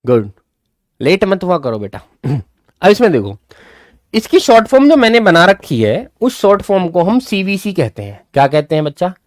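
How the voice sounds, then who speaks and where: A man's voice: high-pitched, moderate pace, no echo. Guy teaching a live class, bouncy up and down voice, repeats everything, dry close sound. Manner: animated, repeats key points, calls students "kids". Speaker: English grammar teacher.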